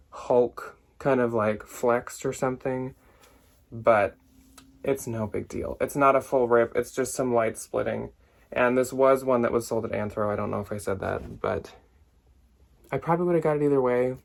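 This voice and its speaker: A man's voice: medium pitch, gravelly. A young man chatting casually through a thrift haul for resale, filled with "like" and small asides, now and then a bit out of breath. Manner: chatty, lots of "like", loses track and laughs at himself. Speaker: thrift reseller vlogger. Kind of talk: casual haul talk to camera.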